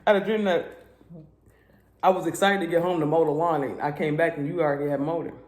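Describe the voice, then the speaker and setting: A woman hosting a casual eating vlog at home, telling stories with an animated, drawling, laughing manner. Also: low-pitched, fast. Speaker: vlog host. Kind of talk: casual chat while eating. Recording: echoey room.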